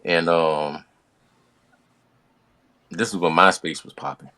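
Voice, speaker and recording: An American podcast host tells casual, slangy, profane stories from his younger days, acting out the dialogue along the way. His voice sits low, with a slow pace and a sharp tone.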